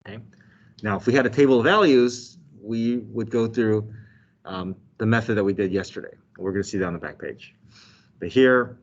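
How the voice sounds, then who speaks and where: Low-voiced man teaching math, muffled sound. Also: normal speed. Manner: explanatory, checks in with "okay" and "right". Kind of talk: step-by-step calculus lesson. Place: indoors, desk with document camera. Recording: dull, slightly muffled online lesson audio.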